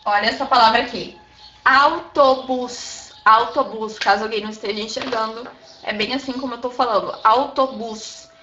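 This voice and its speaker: High-voiced woman teacher in an echoey room. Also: steady tone, fast, pushed and bright, slight background noise. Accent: Brazilian Portuguese. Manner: explanatory, checks in with the class often. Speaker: Spanish teacher. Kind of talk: recorded class lesson. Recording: echoey room, dull lo-fi sound.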